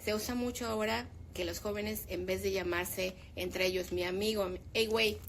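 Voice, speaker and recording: Gravelly-voiced woman in her fifties. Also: medium pitch, moderate pace, a little hiss or hum. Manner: opinionated, animated when making a point. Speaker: teacher. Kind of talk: casual discussion.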